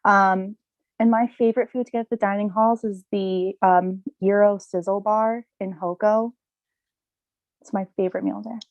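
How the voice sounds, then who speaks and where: A woman's voice: mid-range voice, steady tone, normal speed, no room sound. A young woman from New Hampshire on a casual video call panel, upbeat and slightly self-conscious. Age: young adult. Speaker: student panelist. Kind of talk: casual livestream Q&A. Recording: dull, dry lo-fi call audio.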